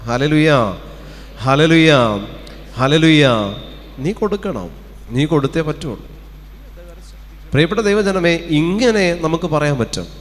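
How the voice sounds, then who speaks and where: A man's voice: a little high, animated, moderate pace, pauses often. A man with a Kerala Malayalam accent preaching a fervent sermon at a retreat, calling out hallelujahs and firing rhetorical questions. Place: retreat centre hall. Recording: long hall reverb.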